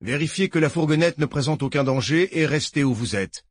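A man's voice: on the high side, lively intonation, fairly quick, dry recording, clean studio sound, voice pushed up. Man playing a curt commanding agent. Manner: clipped orders, terse radio talk.

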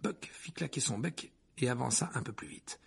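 Gravelly husky guy reading an audiobook, lively and expressive. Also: mid-range voice, normal speed. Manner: expressive, voices characters. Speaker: audiobook narrator.

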